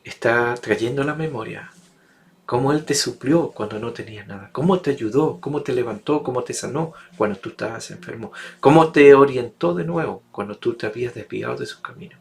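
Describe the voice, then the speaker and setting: Male preacher, sermon delivery, emphatic repetition, gravelly voice. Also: medium pitch, a little fast, darkish tone. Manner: emphatic, builds repetitive rhetorical lists.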